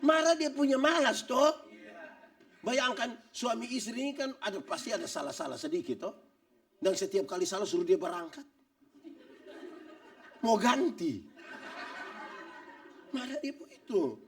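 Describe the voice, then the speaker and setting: A man preaching a church sermon, animated and joking, acting out little scenes. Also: extremely high pitch, unhurried, long pauses, distant mic. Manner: animated preaching with acted-out quotes and jokes. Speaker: pastor.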